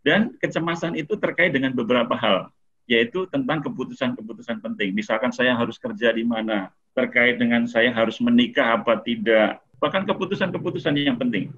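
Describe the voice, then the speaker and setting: A middle-aged man gives a casual webinar lecture in a husky voice of middling pitch. He talks conversationally, with frequent filler "eh"s and small chuckles. The video-call audio sounds muffled and lo-fi. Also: fairly bright tone. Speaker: webinar speaker on mental health. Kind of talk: casual lecture to an online audience.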